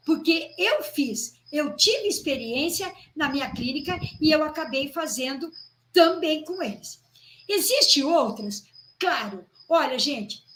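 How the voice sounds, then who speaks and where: A woman's voice: sits high, fairly bright tone, echoey room, poor audio. A woman teacher giving a lecture on classroom activities, often checking in with her listeners. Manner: addresses the audience as "gente", checks with "né?" and "ok?".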